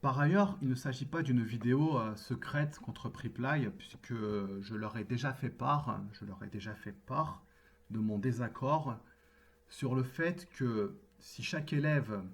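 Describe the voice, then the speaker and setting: Male French tutor, husky mid-pitched voice, formal, measured delivery. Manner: formal, measured, deliberate with pauses. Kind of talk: scripted personal address to camera.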